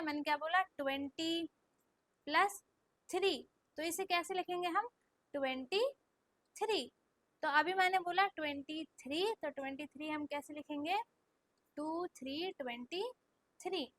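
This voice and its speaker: A woman teaching kindergarten children, talking close to the mic. She says numbers in Indian English, repeats them slowly and asks the class many questions. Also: very high-pitched, fairly bright tone, no echo. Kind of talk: recorded classroom lesson.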